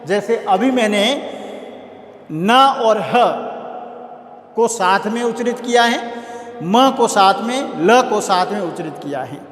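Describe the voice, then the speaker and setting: A man's voice: high-pitched, expressive, slow pace, pauses often. A male college teacher giving a classroom lecture, repeating key words and asking the class questions as he explains. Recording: echoey room with long reverb.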